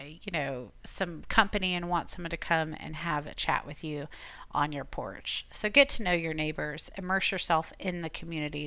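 A woman from Florida hosting a podcast, giving chatty, encouraging advice in a relaxed conversational way. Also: on the low side, smooth, no echo. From Tampa, Florida. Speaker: podcast host. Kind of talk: casual advice talk.

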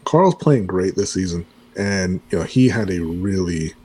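A man co-hosting a podcast, giving measured, thoughtful takes on basketball. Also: sits low, expressive, a little mellow, husky. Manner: measured, thoughtful, many fillers. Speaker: podcast co-host. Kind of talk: casual sports podcast chat.

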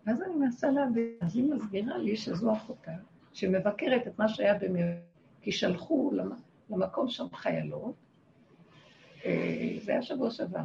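A woman, a rebbetzin, telling a story in a casual, animated way and acting out the shouted quotes. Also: mid-range voice, creaky. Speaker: rebbetzin leading a women's gathering. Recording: muffled lo-fi home recording, faint hiss.

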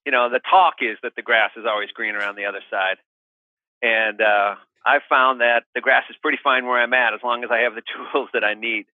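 A middle-aged male guest talks casually in an interview. His mid-pitched voice comes through a narrow, phone-like line with no room echo. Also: steady tone, fairly quick. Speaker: podcast guest, mortgage professional.

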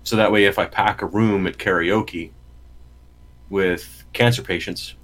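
A man's voice: sits low, fairly even intonation, measured pace, a bit bright. A man co-hosting a podcast in casual chat, joking and playful. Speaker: podcast co-host.

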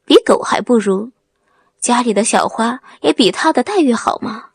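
A woman reads a serialized story aloud with a high, breathy-husky voice. The sound is dry and close, with no room in it. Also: expressive, moderate pace, no room sound. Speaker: narrator. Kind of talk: dramatic audiobook narration.

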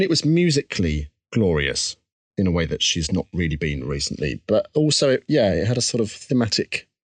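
A man with an Essex accent speaks in a fairly deep voice, as if chatting in an interview. He is candid and self-deprecating, thinking aloud as he goes. The sound is very dry, with no room to it. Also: slightly rough, dry recording. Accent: Essex English. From Essex, England. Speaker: interview guest, musician. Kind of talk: casual reflective interview chat.

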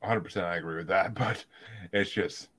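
Deep-voiced easygoing podcast host, a man. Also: moderate pace, fairly bright tone, breathy edge. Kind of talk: casual chat.

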